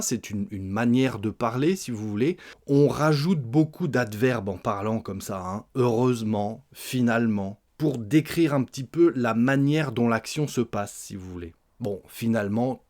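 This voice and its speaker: Lively man teaching everyday French phrases. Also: mid-range voice. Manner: explains phrases, then acts them out in lively example dialogue; frequent tag "hein". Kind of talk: spoken French lesson.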